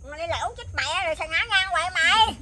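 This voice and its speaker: Shrill fast-scolding Mekong Delta woman. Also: a crowd in the background. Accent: Southern Vietnamese, Mekong Delta. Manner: scolding, loud and rapid. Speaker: comedy skit actor playing a mother. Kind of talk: comic family skit. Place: outdoors in a fruit orchard.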